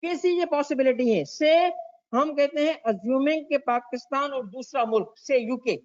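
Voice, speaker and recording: A man's voice: very high-pitched, moderate pace. A Pakistani man teaching a tax class, quizzing students by name and repeating key points. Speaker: tax lecturer. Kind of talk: classroom lecture mixing Urdu and English. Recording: dull lo-fi lecture recording.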